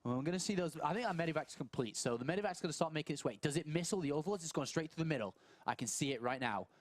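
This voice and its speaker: A man casting a live strategy game match, thinking aloud in quick questions and answers. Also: a little high, lively intonation, dry recording. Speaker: esports caster.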